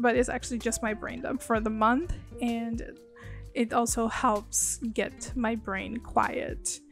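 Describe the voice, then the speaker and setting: A chatty woman with a fairly high voice, a little groggy, talking in a loose, rambling way and giggling between thoughts. She narrates her drawing casually over soft background music. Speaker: bullet journal creator. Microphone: phone.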